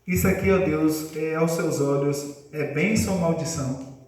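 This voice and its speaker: A man's voice: on the high side, moderate pace, darkish tone. A male preacher giving a conversational sermon, quizzing his congregation. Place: church congregation hall. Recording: echoey room, voice far from mic.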